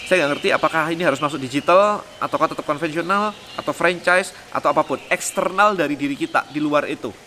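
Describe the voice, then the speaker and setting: A man hosting a motivational vlog, talking casually to camera, lively and mixing in English words. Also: fairly high pitch, quick pace, hardly any pauses, slight background noise. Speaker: vlog host and business coach. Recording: roomy long reverb with faint ambience.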